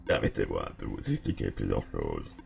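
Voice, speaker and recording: A robot voice, pitched extremely low and heavily gravelly, for a solemn, formal robot guide in a video game. The delivery is ceremonious and grave. Faint music plays behind. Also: male voice, very animated, normal speed, heavily acted. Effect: put-on robot voice, pitched very low. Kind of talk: reading game dialogue aloud.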